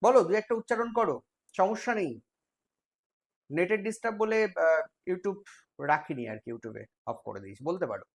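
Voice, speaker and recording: A man's voice: high voice, animated, moderate pace, vocal fry. A man with a West Bengal accent teaching a live online exam-prep class, explaining step by step and quizzing his students.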